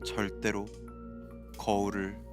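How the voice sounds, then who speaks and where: Low-voiced young man playfully hosting. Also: monotone, slow. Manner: playful, emceeing. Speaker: show host. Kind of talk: casual variety-show banter. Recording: music behind the voice.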